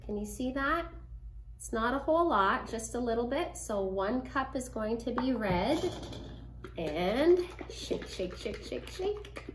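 A woman's voice: a little high, animated, unhurried. A woman hosting a children's craft demonstration like a kids show host, asking young viewers simple, encouraging questions. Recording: roomy echo, faint noise.

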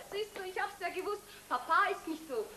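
An actress playing a young bride-to-be in a 1970s stage farce, coaxing and lightly teasing. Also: female voice, very high voice, big pitch swings, a little slow, sharp tone, echoey room, a little hiss or hum, full character voice. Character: young bride-to-be, sweet and self-assured.

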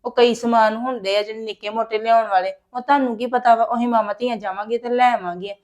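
A complaining, sharp-tongued wife from a home drama, played by a woman. Her voice is a little high, and her lines come out as steady reproach. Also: quick pace, close to an everyday voice. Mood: grumbling. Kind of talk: acted family drama dialogue.

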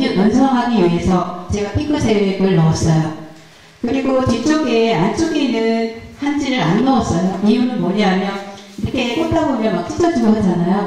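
In a large indoor church hall, a middle-aged woman with a fairly high voice explains her flower arrangement at a seminar, chatty and self-deprecating as a flower arranging instructor presenting her work. She speaks into a handheld mic heard through the hall speakers, so the recording is echoey and her voice sounds far off.

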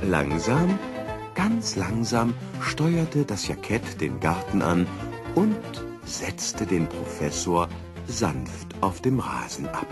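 A man reading a children's story aloud with slow, gentle storytelling. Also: low-pitched, very animated, loud music behind the voice. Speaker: narrator.

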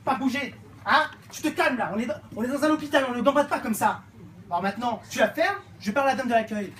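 A woman's voice: on the high side, expressive, fast talker, natural voice. A woman doing a brash, unhinged mother. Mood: bossy. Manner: brash, rambling, barks orders, filler-heavy "hein". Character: unhinged loud middle-aged mother of many kids. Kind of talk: live stand-up character sketch. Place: comedy club stage. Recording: noisy live club recording.

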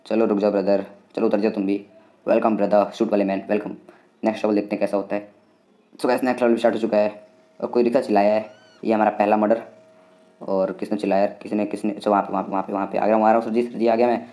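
Fast-talking excitable Indian gamer man. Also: fairly low pitch. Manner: excitable, chatty, talks to the game and viewers. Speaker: gaming channel host. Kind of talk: casual game commentary.

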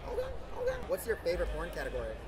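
A man's voice: on the high side, huge pitch swings, rapid-fire, a crowd in the background, noisy background. A man working as a street interviewer, asking questions in a teasing, flirty way.

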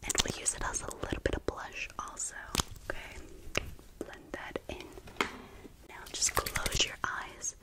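A young woman doing a fast, whispered role-play as a brisk makeup artist, repeating little trigger words close to the microphone. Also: low-quality recording. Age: young adult. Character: brisk, attentive makeup artist serving a client. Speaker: ASMR creator. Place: small bedroom, indoors. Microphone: close fluffy-covered desk microphone.

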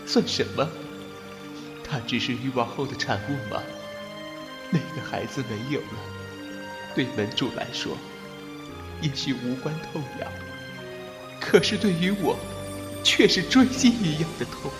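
In an ancient Chinese audio drama, a man plays a devoted, submissive subordinate, speaking haltingly and with emotion. His mid-range voice is only lightly acted.

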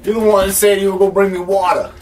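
A man's voice: mid-range voice, expressive, normal speed, fairly bright tone, recorded from a distance, slight background noise, natural voice. A man playing a cranky, foul-mouthed blind homeless man in an improvised comedy sketch, grumbling and repeating himself. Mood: confused. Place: outdoors by a shack.

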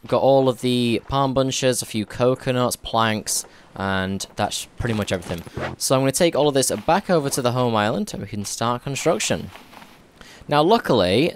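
A man giving casual, chatty commentary over his own gameplay, thinking aloud and correcting himself as he goes. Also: mid-range voice. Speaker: gaming YouTuber. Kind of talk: casual let's-play commentary.

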